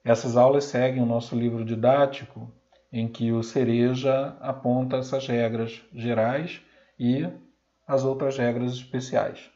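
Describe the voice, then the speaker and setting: A Brazilian Portuguese man teaching a recorded grammar lesson, sounding out example words slowly and loudly. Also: mid-range voice, steady tone, muffled recording.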